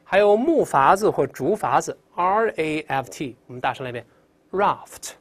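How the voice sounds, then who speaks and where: A man's voice: on the high side, expressive, moderate pace. A male English teacher giving a vocabulary lesson, calling out drill words and coaching pronunciation.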